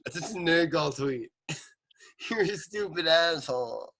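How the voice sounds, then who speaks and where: A man's voice: a little high, animated, measured pace, a bit bright, poor audio. A young man hosting a casual podcast, rambling and joking, often stumbling over his words. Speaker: podcast host. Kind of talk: casual chat.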